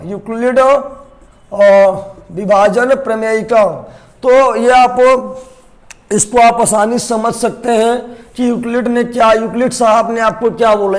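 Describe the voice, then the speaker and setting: High-voiced man teaching a math lesson. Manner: asks questions and answers them himself; repeats key terms slowly. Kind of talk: classroom-style lesson to camera.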